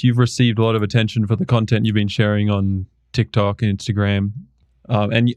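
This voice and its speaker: An Australian man hosts a casual interview podcast, asking questions in an easygoing manner and chiming in with short affirmations. His mid-range voice has a darkish, clean tone with no room sound.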